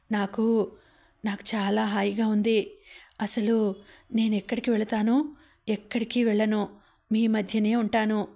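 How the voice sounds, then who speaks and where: A woman reading the lines of a gravely ill young woman in a weak, gentle, halting way. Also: medium pitch.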